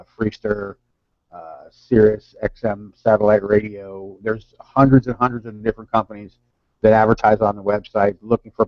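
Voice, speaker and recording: Casting: male co-host for an online marketing talk, fairly low voice, wordy explainer, lo-fi sound. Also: dry recording. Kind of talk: informal business presentation.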